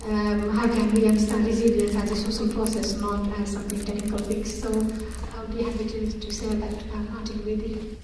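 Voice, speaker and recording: A woman's voice: mid-range voice, completely flat delivery, brisk, mellow. Woman from Nepal on a panel. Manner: thoughtful, hesitant with fillers. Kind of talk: academic panel discussion. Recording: echoey hall, distant mic, faint noise.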